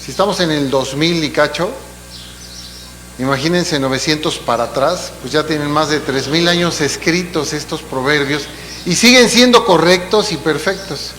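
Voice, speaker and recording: A man's voice: a little high, moderate pace, fairly bright tone. A man preaching a sermon in a church, explaining in a conversational way with asides and rhetorical questions. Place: church hall. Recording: long hall reverb, faint hum.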